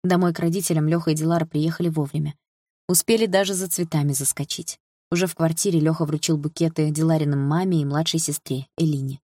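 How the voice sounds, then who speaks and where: A man narrating an audiobook in an even storytelling delivery. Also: on the high side, fast talker, no echo, studio quality.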